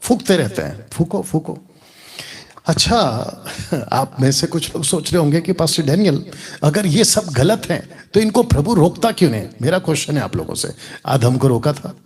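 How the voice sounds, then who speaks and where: A man's voice: on the high side, lively intonation, normal speed, a little mellow, breathy edge. A man preaching as a pastor and Bible teacher, combative and mocking, laughing often as he talks. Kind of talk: preaching video sermon.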